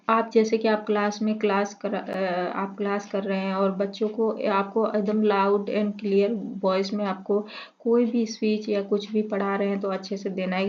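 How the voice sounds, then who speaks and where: A woman tutor explaining lesson material for teachers, with halting delivery, many fillers and restarts. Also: medium pitch, darkish tone. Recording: dull lo-fi recording.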